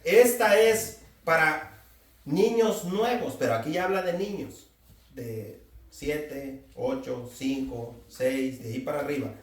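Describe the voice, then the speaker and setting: A man in his forties delivers a sermon in a fairly high voice, exhorting his listeners and addressing them directly. He stands some way from the microphone, and the room rings with echo. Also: recorded from a distance. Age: 40s. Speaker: preacher.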